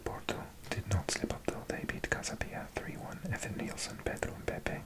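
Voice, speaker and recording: A man in his forties from Wales, Welsh by origin, murmurs softly as an ASMR host. He takes his time reading a list of results, chatting in between.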